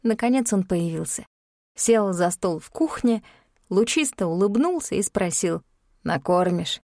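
A woman telling a story in the first person, in a wry, even manner. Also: medium pitch, normal speed, no echo, studio quality. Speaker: audiobook narrator. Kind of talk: first-person audiobook narration.

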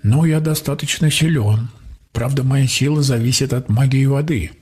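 A man voicing a proud, trapped male water spirit with a gurgling, grunting voice, speaking slowly and drawn out. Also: mid-range voice, darkish tone, breathy edge, pitched above the performer's own voice, natural voice. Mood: pleading. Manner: pleading then haughty, drawn-out slow speech.

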